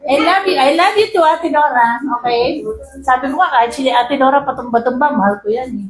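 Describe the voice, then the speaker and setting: Woman preacher, high voice, roomy echoing church hall, asks the crowd to agree, quotes scripture in english. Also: a little fast. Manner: keeps asking the congregation for agreement; mixes English Bible quotes into her talk. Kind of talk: sermon. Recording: roomy echo.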